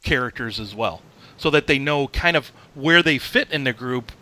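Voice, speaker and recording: Bright, animated male podcast host. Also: mid-range voice, normal speed, low-quality recording. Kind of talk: casual chat.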